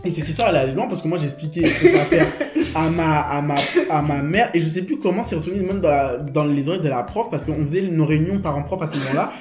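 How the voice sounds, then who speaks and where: A man's voice: fairly high pitch, expressive, fast. A young man telling a story in casual chat, acting out the dialogue with animation. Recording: roomy room with music behind.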